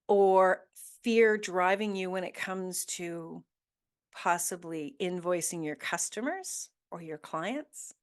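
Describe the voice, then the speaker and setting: An earnest woman hosts a motivational talk and speaks slowly and deliberately. She coaches her listeners with direct questions and repeats her key points for emphasis, in a voice of middling pitch. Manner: slow deliberate delivery with emphatic repetition. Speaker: host.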